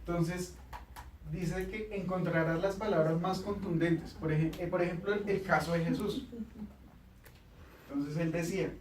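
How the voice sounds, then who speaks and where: A man's voice: high-pitched, steady tone, measured pace, pauses often, darkish tone, echoey room, recorded from a distance, a little hiss or hum, rough recording. A man hosting a casual studio chat, explaining communication tips and acting out little quoted exchanges.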